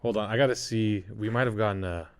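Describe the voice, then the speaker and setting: Low-voiced man in casual sports chat. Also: fast, clean tone, no echo. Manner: casual, swears freely, stumbles over player names. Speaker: co-host. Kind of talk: casual sports chat while opening card packs.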